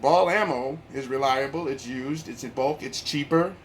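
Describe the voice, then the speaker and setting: A man gives a casual vlog talk with his voice coming through a face mask. His pitch is average and his delivery rambles, with hesitations and repeated words. Noticeable noise sits behind him. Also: moderate pace. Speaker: video host. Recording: clear background noise.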